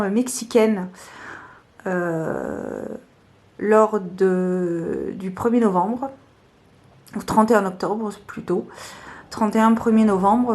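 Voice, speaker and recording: A woman casually showing her favourite tarot cards, talking hesitantly with many fillers. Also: mid-range voice. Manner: slow, soft-spoken. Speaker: tarot vlogger.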